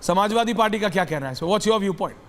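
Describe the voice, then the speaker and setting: A man's voice: high-pitched, lively intonation, fairly quick, in a large hall. A man anchoring a live TV news debate, cueing panelists and dropping English phrases into Hindi.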